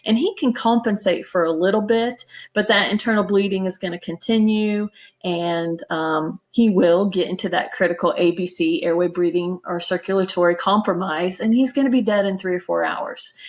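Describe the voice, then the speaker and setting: A woman with a lowish voice and moderate pace delivers a conversational lecture on veterinary emergency care. She's emphatic and keeps checking in with listeners, asking "okay?" and "right?".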